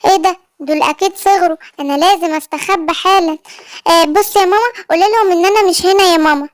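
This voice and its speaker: A woman with an Egyptian accent voicing a guilty, sulky little boy lion cub in a children's cartoon story. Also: quick pace. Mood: pleading. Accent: Egyptian Arabic. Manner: squeaky childlike voice.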